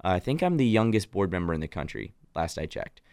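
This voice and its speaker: A nineteen-year-old man from Nashville, Tennessee, speaking with a blend of Southern and Midwestern American accents, chats as a guest in a radio studio. His voice sits low and moves quickly, with no room sound. He tells stories in a friendly, animated way, often restarting his sentences.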